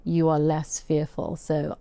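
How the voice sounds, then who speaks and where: A woman being interviewed, speaking reflectively in a casual conversation, with frequent restarts and soft laughs. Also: sits low, little pitch movement, slow pace, gravelly, dry recording. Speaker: interview guest.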